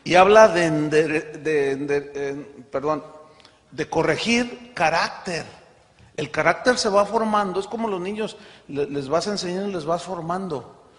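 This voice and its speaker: Male pastor, high voice, emphatic sermon delivery with loud-soft swings, hall reverb. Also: unhurried. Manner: emphatic, swings between loud scripture reading and soft asides.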